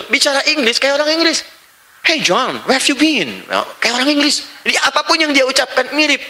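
A man teaching a religious study session, his voice high and strikingly bright. He lectures emphatically, swinging his pitch widely and throwing rhetorical questions at his listeners. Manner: mimics foreign speech when giving examples.

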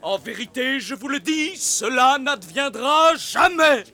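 A fanatical prophet, very high voice, slow declaiming, bright tone, shouted outbursts. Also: male voice, animated, full character voice. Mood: prophetic. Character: Daniel, a fanatical young man who was mute, now prophesying. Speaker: actor in a radio drama. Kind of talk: classic stage drama.

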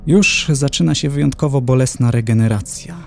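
A man's voice: mid-range voice, moderate pace, creaky, darkish tone, faint music behind, lightly acted. A man playing a stern, indignant professor who tortures souls in hell, in a horror audiobook. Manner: indignant, severe.

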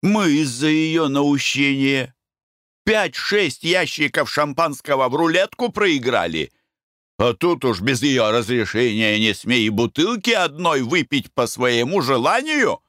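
A man's voice: medium pitch, lively intonation, a little slow, a bit bright, no echo, studio quality, pitched above the performer's own voice. Man doing a boisterous hearty merchant. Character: cheerful free-spending merchant man.

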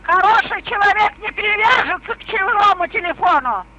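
An elderly woman with an extremely high, piercing voice that swings widely in pitch. She argues suspiciously and curses freely over a slightly noisy phone call. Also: animated, normal speed, pushed and bright. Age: older, elderly. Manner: combative, suspicious, foul-mouthed. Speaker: prank call victim. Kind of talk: argumentative phone talk. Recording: phone call with faint noise.

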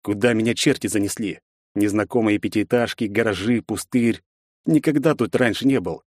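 A man narrating a first-person audiobook in an expressive, gritty storytelling manner. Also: fairly low pitch, moderate pace, dry recording, clean studio sound.

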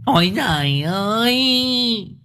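A man voicing a loud, hysterical middle-aged mother who scolds and wails at a shriek. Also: lively intonation, normal speed, full character voice. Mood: shrieking scolding. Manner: wailing, scolding at a high shriek.

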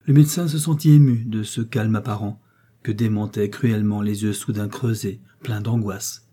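A man narrating a novel as an audiobook, with a steady, expressive literary reading. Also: on the low side, moderate pace, husky.

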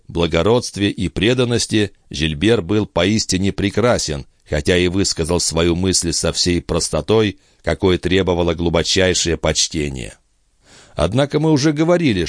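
A man narrating a classic novel as an audiobook, in a measured, expressive manner. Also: sits low, no room sound, studio quality. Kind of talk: scripted literary narration.

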